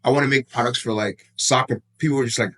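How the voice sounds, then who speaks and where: A man in his thirties from Nigeria, a brand founder talking as a podcast guest, rapid and casual, packing his sentences with "like" and "you know what I mean". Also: medium pitch, fairly even intonation, bright, forceful tone. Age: 30s.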